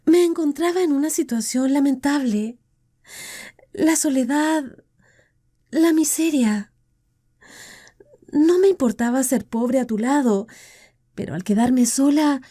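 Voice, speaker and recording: A woman's voice: high-pitched, measured pace, pauses often, dark tone, voice pushed up. A woman narrator with a Latin American Spanish accent voicing a distressed young woman who pleads with the man she loved. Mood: pleading.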